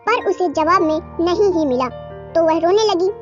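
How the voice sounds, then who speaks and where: Over soft background music, a woman with an extremely high voice narrates a children's story at a moderate pace. The recording sounds a bit dull.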